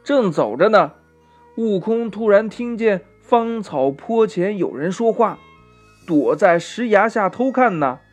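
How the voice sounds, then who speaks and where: A man narrating a children's story, gently drawing out his sentence endings. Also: high-pitched, lively intonation, measured pace, soft background music.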